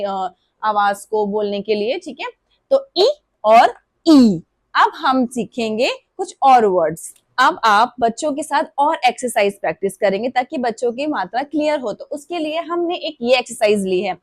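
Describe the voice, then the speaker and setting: High-voiced woman teaching vowels. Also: no echo, clean studio sound. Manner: stretches and repeats example words slowly. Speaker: preschool Hindi teacher. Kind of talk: explaining a lesson to parents.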